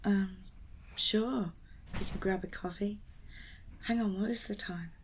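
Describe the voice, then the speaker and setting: In an intimate ASMR roleplay, a woman plays a wry, evasive young rescuer, sardonic and hesitant, and the mood is awkward yet reassuring. She speaks a little slowly at medium pitch with fairly even intonation, close to her everyday voice, while noisy ambience sits behind the close-miked voice.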